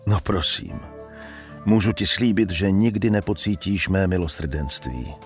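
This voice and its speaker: Cruel, ageless female Death from a dark audiobook tale, taunting her victim in a cold, hushed voice, as a man reads her lines. The voice sits low and is spoken softly, with a mocking edge rather than a shout. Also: lively intonation, faint music behind. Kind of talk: audiobook character voice.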